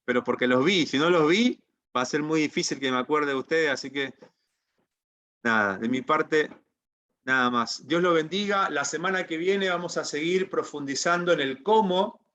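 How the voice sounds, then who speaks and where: A man's voice: fairly high pitch, moderate pace, fairly bright tone, highs cut off. A man teaching a Bible institute class over a video call, in a preacherly manner that keeps asking students to agree. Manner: preacherly, asks the class for assent. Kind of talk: online class lecture.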